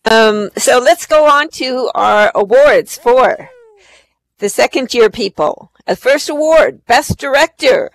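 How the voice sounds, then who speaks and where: A woman's voice: a little high, expressive, takes it slowly, dry recording, poor audio. A woman presenting awards live at an online event as the host, effusive in her praise.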